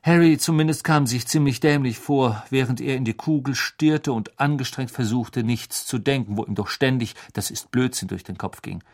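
A man reading a novel aloud as an audiobook narrator with expressive storytelling. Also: mid-range voice. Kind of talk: scripted narration.

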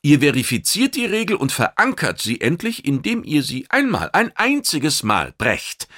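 A man voicing a calm, clever male hero who argues with cool logic in an audiobook. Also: a little high, normal speed, no echo, studio quality, voice pushed up, heavily acted. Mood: persuasive. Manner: patient, reasoning, restrained.

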